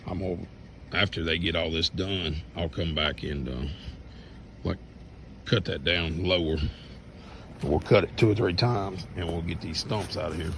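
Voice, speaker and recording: Hoarse man, low voice, folksy rambling vlog on his land, wind and outdoor noise behind. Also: unhurried, long pauses, a bit bright. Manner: plain-spoken, rambling, folksy. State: sore throat, lost voice. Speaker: vlogger showing his land. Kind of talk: casual walk-around vlog. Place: outdoors on rural property.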